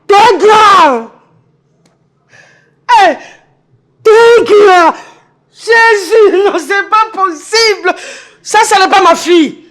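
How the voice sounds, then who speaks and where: A woman's voice: very high voice, fairly bright tone, heavily acted. A middle-aged woman with a Congolese French accent playing a grieving mother who calls on God and draws out her cries. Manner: drawn-out, wailing calls of a name.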